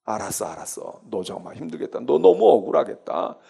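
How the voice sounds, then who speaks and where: A man voicing God as a tender, protective parent who reassures a hurt child, speaking softly and kindly in a sermon. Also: a little high, expressive, fairly quick, vocal fry. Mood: reassuring.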